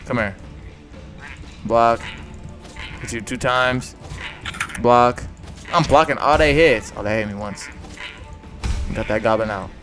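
A young man giving casual, slangy gameplay commentary in a low mumble, with faint music behind. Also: slow, long pauses, a bit bright. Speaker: gaming YouTuber.

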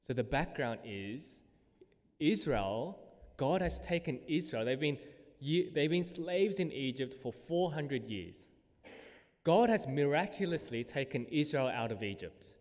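A man's voice: medium pitch, animated, unhurried, darkish tone. A man preaching a sermon in a conversational way, with casual fillers and quoted scripture read aloud with growing emphasis. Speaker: pastor. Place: church hall. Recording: long hall reverb.

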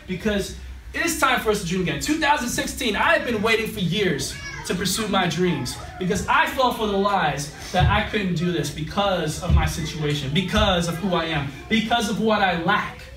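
High-voiced young man preaching in a room. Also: animated, a little fast. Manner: exhorting, repeating phrases, calls on God in every line of prayer. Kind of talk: sermon and closing prayer. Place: small room with brick wall. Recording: roomy, distant, music behind.

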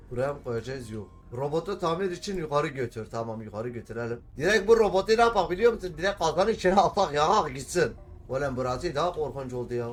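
Bir oyunu oynarken bulmacaları kendi kendine çözen, zaman zaman heyecanla bağıran bir adam; oyun yorumu yapıyor. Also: a little high. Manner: talks to himself while solving puzzles, bursts into shouting. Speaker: gamer. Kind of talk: let's play commentary.

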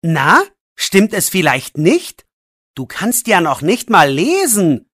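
Sarcastic teenage boy voiced by the narrator, slow and clear. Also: mid-range voice, huge pitch swings, fairly bright tone, no room sound, studio quality, heavily acted. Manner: scolding, sarcastic. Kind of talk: audiobook role voice.

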